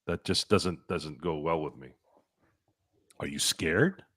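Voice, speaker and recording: A man's voice: very deep voice, slow pace, a bit bright, slightly rough. A man hosting a sports talk show, ranting with heated, profane opinions. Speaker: sports podcast host.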